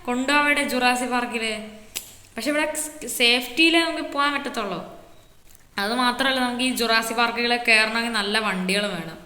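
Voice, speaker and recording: A woman's voice: on the high side, fairly quick, pushed and bright. A woman voicing an easygoing adult man, showing off his city in a game role-play with a boastful, teasing big-brother tone. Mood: casual. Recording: echoey roomy reverb.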